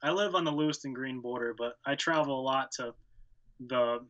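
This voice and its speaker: A young man from Connecticut answers interview questions in a laid-back, plain-spoken way. His voice sounds bright, and his answers are short and simple. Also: mid-range voice, normal speed, low-quality recording. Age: young adult. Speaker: guest angler.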